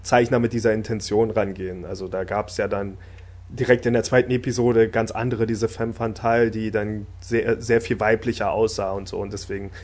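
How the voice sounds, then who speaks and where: A man chatting casually about an anime episode, talkative and laughing often, getting animated when enthusiastic. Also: fairly low pitch, a little fast. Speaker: podcast host discussing anime. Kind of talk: casual chat.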